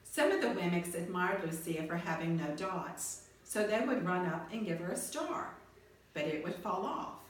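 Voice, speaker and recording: A woman storyteller reading a children's storybook aloud in an expressive style. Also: on the low side, normal speed. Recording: echoey room, far from mic, faint noise.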